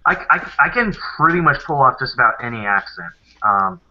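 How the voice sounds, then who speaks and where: A man's voice: medium pitch, sing-song, normal speed, a little hiss or hum. A man from the American South co-hosting a live stream, chatting casually and explaining things at length with many fillers. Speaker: co-host of a live stream show. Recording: dull lo-fi sound.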